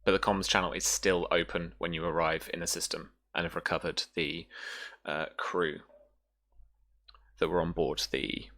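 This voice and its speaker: With a low, creaky voice of fairly bright tone, a game master narrates a sci-fi tabletop roleplaying game. His phrases come short and hesitant, separated by deliberate pauses.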